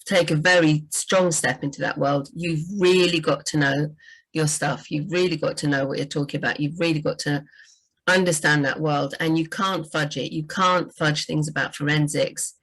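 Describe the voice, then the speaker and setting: A woman's voice: deep voice, steady tone, normal speed, fairly bright tone, breathy edge, low-quality recording. A woman, a book editor, talking casually about writing, full of "you know" and restarts. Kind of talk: casual livestream chat.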